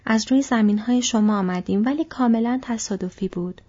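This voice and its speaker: A woman's voice: fairly high pitch, warm tone, breathy edge, lo-fi sound. A woman voicing a cheerful, polite young male hobbit who speaks in an easygoing way. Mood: candid.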